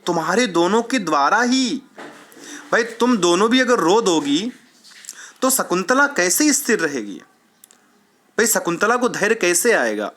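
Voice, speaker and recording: A man's voice: a little high, a bit bright. A man teaching an exam-prep lecture, explaining line by line and asking and answering his own questions. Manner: repeats "theek hai" as a check-in. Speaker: Sanskrit teacher.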